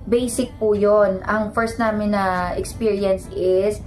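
A woman's voice: medium pitch, steady tone, takes it slowly, a little mellow. A woman in her forties from the Philippines, co-hosting a vlog and politely giving viewers advice. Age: 40s. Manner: polite, addresses viewers directly. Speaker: vlog co-host. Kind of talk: casual advice vlog chat.

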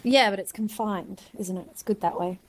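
An older adult woman in casual argumentative chat, speaking articulately and calmly challenging the other speaker. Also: mid-range voice, moderate pace.

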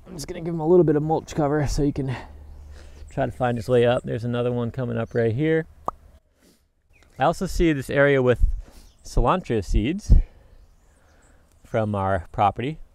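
A man's voice: mid-range voice, dark tone, no room sound. A man in his thirties giving a casual, upbeat walk-through of his tropical garden, filmed outdoors on a handheld camera held at arm's length, rambling with fillers and self-corrections. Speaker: homesteader vlogger. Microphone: handheld action camera at arm's length.

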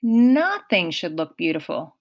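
A woman reading a novel aloud in first person, unhurried and expressive. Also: lowish voice. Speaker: audiobook reader.

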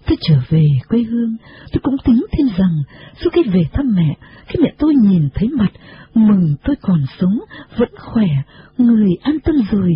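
Expressive female storybook narrator, dramatic, slightly high, lo-fi. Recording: dull lo-fi recording.

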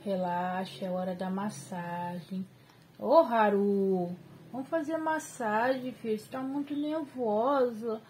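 A woman's voice: medium pitch, slow pace, darkish tone, a little hiss or hum. A woman talking to her dog in a home pet video, with soothing baby talk and playful scolding. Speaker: dog owner.

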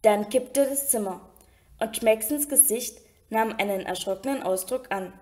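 A woman reading a novel aloud in unhurried first-person narration. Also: a little high, darkish tone. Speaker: audiobook reader.

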